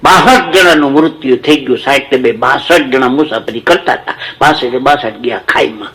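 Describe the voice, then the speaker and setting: A man's voice: medium pitch, normal speed, a bit bright, poor audio. A man, telling jokes and moral stories as a stage comedian, in a folksy, preachy way. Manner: preachy storytelling with proverbs.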